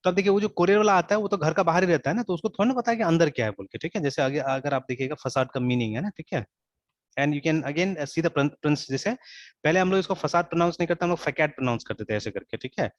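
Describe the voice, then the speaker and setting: A slightly high-voiced man speaks at a quick pace as he runs a casual online programming lesson. English slips into his speech, and he keeps checking in with "theek hai", on a dull, dry lo-fi recording.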